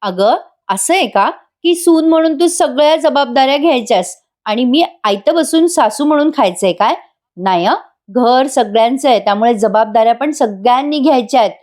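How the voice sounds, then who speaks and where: A woman's voice: high-pitched, lively intonation, moderate pace, a little mellow, voice pushed up. A woman reading a kind middle-aged mother-in-law. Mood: affectionate. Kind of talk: voice-over review re-enacting serial dialogue.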